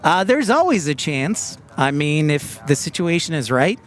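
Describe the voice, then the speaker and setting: A man's voice: a little high, sing-song, measured pace, fairly bright tone. A man hosting a live stream outdoors, chatting casually and reading viewer comments aloud. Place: outdoors by an airport.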